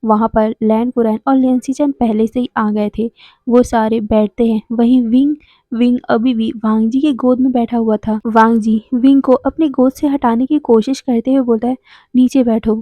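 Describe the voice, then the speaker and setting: High-voiced female storyteller, expressive and chatty, dull lo-fi recording. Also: normal speed, dry recording. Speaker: story narrator. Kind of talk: story retelling narration. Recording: dry, dull lo-fi sound.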